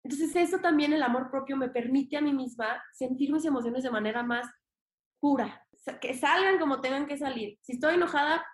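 A young woman with a Mexican accent speaks high and bright, talking casually as a podcast guest. She is expressive and slangy and slips into little voices for her own thoughts. The room around her rings with noticeable echo. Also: a little fast. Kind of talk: casual conversation. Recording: echoey room.

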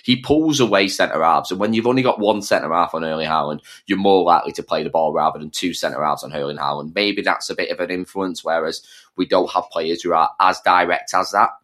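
A man's voice: low voice, brisk, a bit bright. A young man co-hosting a casual football podcast, talking bluntly as a fan, swearing and laughing easily. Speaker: podcast co-host, season-ticket fan.

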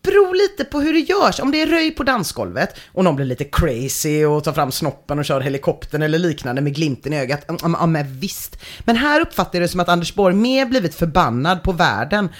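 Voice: mid-range voice, big pitch swings, few pauses. A podcast host reading forum posts aloud in casual comedic chat, with dry sarcastic asides and frequent laughter.

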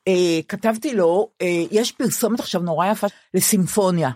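Older woman, deliberate and indignant. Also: mid-range voice, warm tone, husky. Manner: deliberate, reads quotes out slowly and questions them indignantly. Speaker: podcast co-host. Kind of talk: casual chat.

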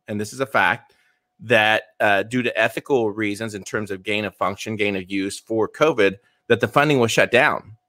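A man in his fifties co-hosts a casual political podcast chat, his rather low voice bright and forceful. Speculative and emphatic, he often repeats words as he argues his point. The studio-quality recording is dry.

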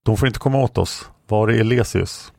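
A man's voice: on the low side, creaky, darkish tone, no echo, studio quality. A man reading aloud and voicing a worried male mentor in a storybook. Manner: worried, urgent.

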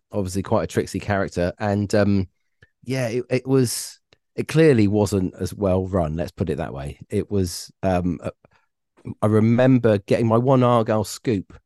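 A middle-aged man being interviewed, telling stories in a relaxed, hesitant way with frequent ums and restarts. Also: lowish voice, dry recording, clean studio sound. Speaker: podcast guest, former radio reporter. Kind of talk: casual interview chat.

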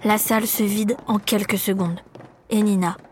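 A woman narrating a children's story aloud in a lively, expressive way for young listeners. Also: mid-range voice, normal speed, slight background noise.

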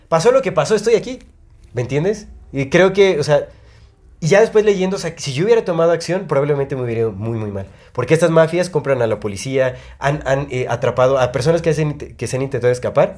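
A young Mexican man tells a long story on a casual podcast, piling up fillers and false starts. His voice sits a bit high for a man, and the talk rambles loosely. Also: lively intonation, fast, darkish tone. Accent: Mexican Spanish. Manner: rambling, lots of fillers and restarts. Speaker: podcast co-host.

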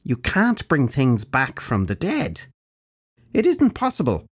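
A man reading an audiobook, voicing a cackling old crone who is blunt and wise, in brisk, matter-of-fact lectures. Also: mid-range voice, huge pitch swings, breathy edge, pitched above the performer's own voice, heavily acted. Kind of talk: audiobook narration.

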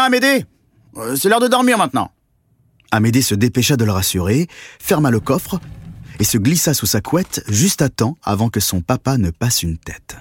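A man narrating a children's story, expressive and swelling at the exciting moments. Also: fairly low pitch, husky.

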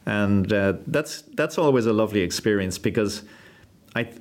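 Earnest man with a low voice. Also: expressive. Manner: earnest, measured, with many fillers. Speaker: head of flight training. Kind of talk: interview answers.

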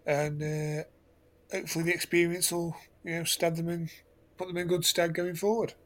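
A man's voice: a little high, flat delivery, moderate pace. A man co-hosting a casual football podcast, rambling and often laughing. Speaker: podcast co-host.

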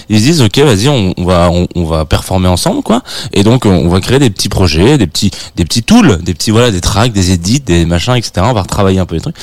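A man's voice: on the low side, darkish tone, no room sound. A man hosting a radio show, chatting casually between records and often restarting as he searches for words. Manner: hesitant, many restarts while searching for words. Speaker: radio host presenting records. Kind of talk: casual on-air chat. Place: radio studio.

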